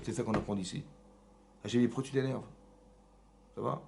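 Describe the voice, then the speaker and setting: A man teaching a Torah class in a synagogue, lively and often checking in with his listeners. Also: mid-range voice, brisk, gravelly, very noisy. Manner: lively, asks frequent check-in questions, mixes Hebrew terms. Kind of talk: animated Torah lesson with questions to the audience.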